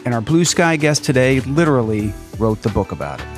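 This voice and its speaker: A man's voice: mid-range voice, lively intonation, brisk, over loud music. A man hosting a podcast, reading a scripted introduction and then asking friendly, conversational questions. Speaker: podcast host. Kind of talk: podcast interview.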